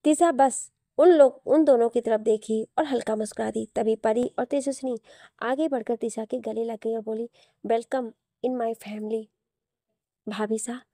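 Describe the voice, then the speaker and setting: A woman's voice: fairly high pitch, moderate pace, mellow, no echo, clean studio sound. A woman storyteller reading a romantic story aloud in scripted narration.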